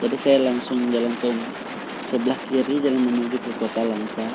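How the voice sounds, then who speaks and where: A man's voice: medium pitch, little pitch movement, a little fast, very noisy. Motovlogger man talking inside a motorcycle helmet. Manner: talking from inside a full-face motorcycle helmet while riding. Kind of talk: casual vlog chat while riding. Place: inside a full-face helmet on a moving motorcycle, outdoors.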